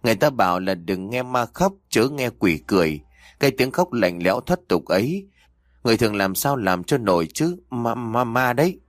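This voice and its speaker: A man's voice: medium pitch, sing-song, normal speed, no room sound, studio quality, natural voice. Man doing a stammering scared sidekick. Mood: frightened. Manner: stammering, trembling. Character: timid frightened young male sidekick.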